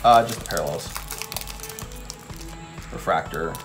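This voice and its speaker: A man's voice: deep voice, measured pace, over music. A man co-hosting a card-collecting show, chatting casually and naming cards as he flips them. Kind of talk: casual chat while opening packs.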